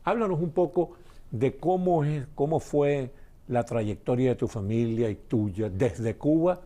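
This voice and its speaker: A man hosting a television interview, introducing his guest and prompting her with lively questions. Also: medium pitch, unhurried. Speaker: TV host.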